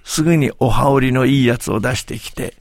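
A man's voice: medium pitch, brisk, a little mellow, dry recording, clean studio sound, natural voice. A man voicing a sly, boastful village tall-tale teller who speaks with humble, servile politeness. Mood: storytelling.

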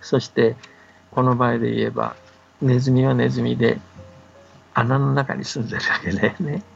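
Soft music plays behind an older man whose creaky, medium-pitched voice keeps a level tone and moderate pace. As a folktale scholar on the radio, he explains things casually and patiently, often making sure the listener agrees. The audio is dull, band-limited and faintly noisy.

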